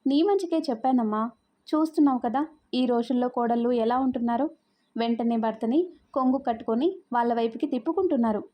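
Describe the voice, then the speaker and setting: A woman's voice: fairly high pitch, brisk, warm tone, close to an everyday voice. A woman storyteller voicing a meddling, suspicious older sister in a spoken story. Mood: nagging.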